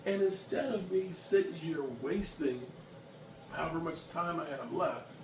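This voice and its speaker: A slightly high, slightly slow voice belongs to a man in his late fifties who vlogs about sports, chatting to camera in a blunt, emphatic way that turns from annoyed to heartfelt. The audio comes from a distant mic in an echoey room with background noise.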